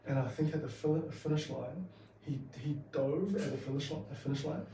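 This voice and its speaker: Male podcast interviewer, New Zealand accent, soft dark tone, informal and matey, off the mic with slight noise. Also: fairly high pitch, normal speed. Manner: informal, matey, often saying bro. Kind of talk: casual interview chat. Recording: roomy echo, distant mic, faint noise.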